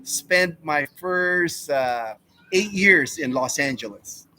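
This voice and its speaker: An American man in his fifties hosts a casual live Q&A stream from his home in the Philippines, rambling through answers to chat questions. His voice is a little high, bright, and forceful, expressive yet slow.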